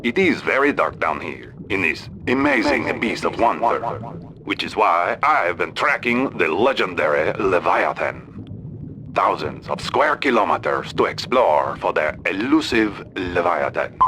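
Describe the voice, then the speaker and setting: A man with a French accent playing a pompous, lovelorn deep-sea explorer who narrates in slow, grandiose tones. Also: pushed and bright, a little hiss or hum, exaggerated voice. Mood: brooding. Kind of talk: comedy radio sketch.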